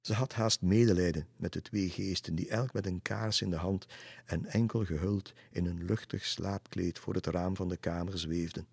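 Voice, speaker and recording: A man reading a children's story aloud in a calm, steady way. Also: low voice, moderate pace, creaky, breathy edge, dry recording. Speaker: narrator.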